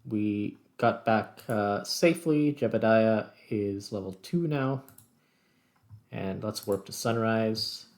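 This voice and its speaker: Low-ish and slow, this man's voice carries casual commentary for his gaming channel as he reasons aloud mid-game. There's no background noise in the clip.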